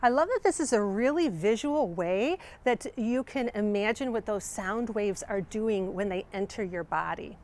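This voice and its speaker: A woman's voice: medium pitch, lively intonation, moderate pace, few pauses, background noise. A woman choir director giving a friendly, enthusiastic video lesson on vocal technique.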